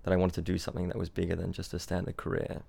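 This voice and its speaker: In London, a Swiss-born, Australian-raised startup founder chats casually on a podcast, frequently repeating himself and restarting sentences. The young man's voice is low, dark, gravelly and husky, and he talks very fast with a completely flat delivery.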